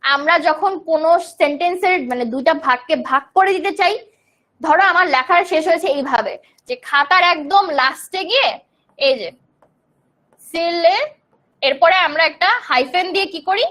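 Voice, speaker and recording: A woman's voice: very high voice, normal speed, bright, forceful tone. A young woman from Bangladesh teaching English grammar in a live online class, explaining terms and answering student comments as she goes.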